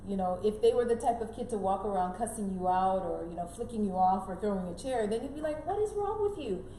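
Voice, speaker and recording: Quick and expressive, with a dark tone at medium pitch, a middle-aged interview guest gives sincere advice, emphatic and returning to key phrases again and again. She was born in Jamaica and grew up in Canada. Echo fills the room, and background noise is clearly audible.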